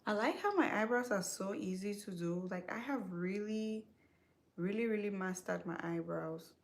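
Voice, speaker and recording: A young Cameroonian woman with a mid-range voice and moderate pace chats casually with her viewers while doing her makeup. As a skincare vlogger, she fills her talk with fillers, repeated words and self-corrections.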